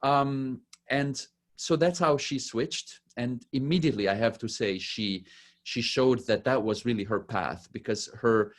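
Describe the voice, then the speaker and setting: A middle-aged man from Italy, a pianist and professor, chatting as a guest and telling family stories, acting out quoted lines in a lifted voice. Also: measured pace. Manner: warm storytelling, acts out quoted lines in a higher voice. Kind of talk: casual interview chat.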